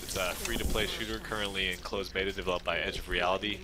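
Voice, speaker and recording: A man on a developer live stream, explaining the game plainly between quick joking reactions. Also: sits low, steady tone, noisy background. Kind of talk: casual live-stream banter.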